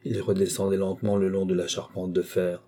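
Brief: male audiobook narrator, measured delivery, very dark and husky. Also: low-pitched. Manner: calm, measured storytelling.

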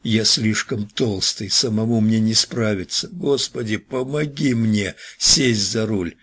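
A man voicing a dying, overweight man who wheezes and pleads in a hoarse, husky voice while coughing up blood. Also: mid-range voice, animated, a little slow. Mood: desperate.

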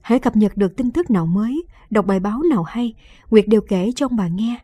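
A woman reading a late-night radio story in a calm, measured narration. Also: medium pitch, breathy edge, dry recording.

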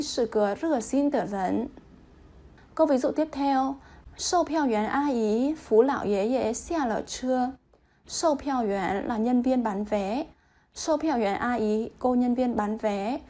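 Mellow-voiced woman teaching vocabulary. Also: a little high. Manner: reads example sentences slowly, then translates. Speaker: Chinese language teacher. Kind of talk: vocabulary lesson with example sentences.

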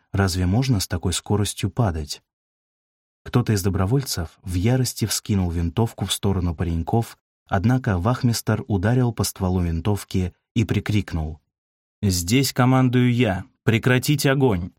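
Male audiobook narrator, deep and husky, steady measured delivery. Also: no room sound, studio quality. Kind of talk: scripted narration.

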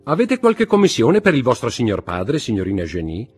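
A man's voice: deep voice, sing-song, a little slow, darkish tone, husky, faint music behind, exaggerated voice. A man reading aloud, voicing a cornered, insolent young male scoundrel with a mocking manner.

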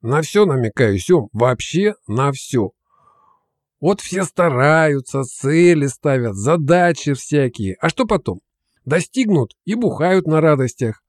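A man's voice: a little high, lively intonation, slow, no echo, clean studio sound. A man doing a coarse, swaggering uncle. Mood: brooding. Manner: gruff, slangy, swaggering. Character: coarse, cocky middle-aged uncle spirit.

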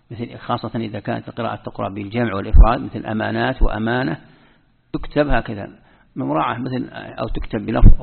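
A man's voice: medium pitch, creaky, husky. A man giving a patient spoken lesson as an Islamic scholar, repeating key words as he explains. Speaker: Islamic scholar teaching Quran script rules. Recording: tinny phone-like audio in a reverberant hall.

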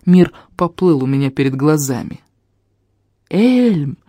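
An audiobook narrator tells a first-person fantasy tale with expressive, feeling-filled delivery. The voice is warm and mellow, middle in pitch, recorded close and dry with no room sound. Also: normal speed, dry recording. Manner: expressive, emotional storytelling.

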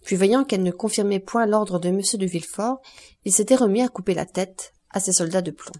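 A woman narrating a classic novel as an audiobook in a measured, expressive storytelling voice. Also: mid-range voice.

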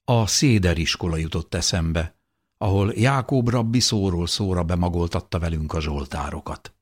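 Deep husky male narrator. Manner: calm, measured storytelling. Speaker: audiobook narrator. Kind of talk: scripted narration.

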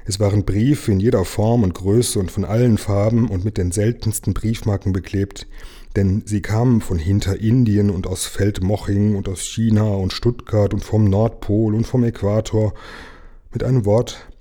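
A man reading a children's book aloud in a gentle, unhurried storytelling manner. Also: on the low side.

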